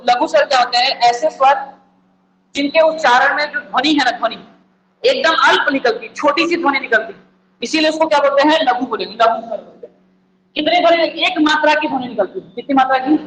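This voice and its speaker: A male teacher giving an exam-prep lecture, repeating key points and firing quick questions at the listeners. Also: very high-pitched, fairly bright tone. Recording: echoey room, faint background noise.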